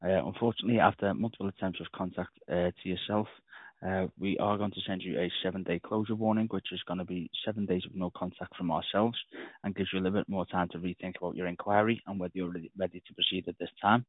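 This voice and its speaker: A very deep-voiced man rattles off a businesslike voicemail at a fast clip, dotting his lines with "uh" fillers. He is heard over a tinny landline phone, the sound thin and narrowband. The line is dry, with no room around him. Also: steady tone, dry recording. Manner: brisk, businesslike, with frequent "uh" fillers. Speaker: law firm caller leaving a voicemail. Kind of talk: phone message. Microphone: telephone handset.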